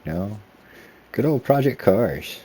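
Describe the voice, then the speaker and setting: A man's voice: lowish voice, animated, slow pace, warm tone, husky. A man giving casual, rambling commentary to himself while playing a racing game. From United States. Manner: rambling self-talk while driving, easygoing. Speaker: sim racing video creator.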